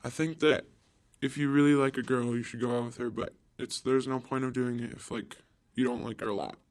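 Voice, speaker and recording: Boy in a disguised, pitched-down voice. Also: steady tone, a little hiss or hum. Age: 12, seventh grader. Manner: hesitant, halting, with nervous giggles. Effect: voice pitched down to a disguised deep voice. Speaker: anonymous student interviewee. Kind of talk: shy interview answers.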